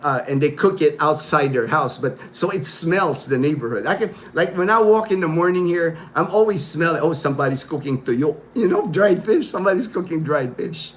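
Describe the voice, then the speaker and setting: A man's voice: a little high, moderate pace, hardly any pauses, slight background noise. A man in his fifties, born in the Philippines, hosting a casual livestream and chatting loosely with viewers, full of fillers and asides. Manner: rambling, reads out viewer comments, many fillers. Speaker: livestream host.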